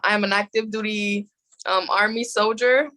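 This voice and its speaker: A woman's voice: mid-range voice, steady tone, normal speed, sharp tone, low-quality recording. A woman in her twenties from the Philippines, a guest content creator on a podcast, talking in an easygoing way with a giggle. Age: 20s. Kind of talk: casual group interview.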